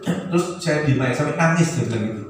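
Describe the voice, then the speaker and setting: A man's voice: on the high side, expressive, a little fast. A male pastor telling a testimony, full of fillers and restarts. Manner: storytelling with many fillers and restarts. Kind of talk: sermon testimony. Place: church hall. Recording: echoey room, voice from far off with faint noise.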